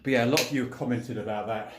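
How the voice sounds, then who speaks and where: A man speaks in an echoey room in the casual, chatty way of a fitness vlogger. His voice sits at a medium pitch, and he talks between sets of lifting weights in loose, colloquial language. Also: steady tone, rapid-fire, background noise. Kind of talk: casual training vlog talk between sets.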